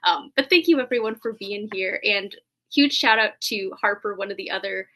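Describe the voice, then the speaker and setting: A woman's voice: mid-range voice, normal speed, a bit bright. A woman from the United States introducing herself as an author on a video call, chatty and upbeat. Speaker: anthology author. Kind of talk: self-introduction on a live stream.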